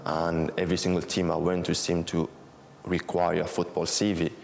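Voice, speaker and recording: Young man, low voice, relaxed chat. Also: moderate pace, gravelly. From Guinea, West Africa. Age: 20s. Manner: relaxed, conversational, many "like, you know" fillers. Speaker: interviewee, former academy footballer. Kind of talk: casual interview talk.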